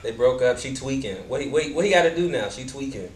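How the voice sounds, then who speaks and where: Playful co-host in an echoey room. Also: male voice, medium pitch, animated, fast. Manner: playful, affirming, lots of backchannel. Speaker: podcast co-host. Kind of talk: casual podcast chat. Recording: roomy, distant mic with faint noise.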